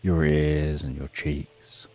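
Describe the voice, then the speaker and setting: Really deep mellow guy doing a slow hushed sleep story, soothing, guiding you to relax. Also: level tone. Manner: soothing, unhurried, hushed delivery. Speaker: sleep story narrator and host. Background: soft music and rain.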